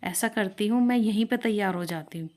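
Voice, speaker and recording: A woman's voice: medium pitch, a little fast, a little mellow, lightly acted. A woman voicing a vain, bossy older mother-in-law who talks in a snappy, scolding way.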